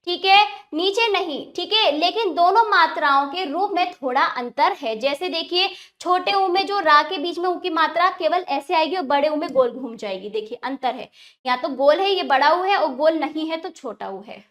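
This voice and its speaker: A woman teacher, giving a slow, careful grammar lesson to children and repeating sounds for them to copy. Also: extremely high pitch, lively intonation, fairly bright tone.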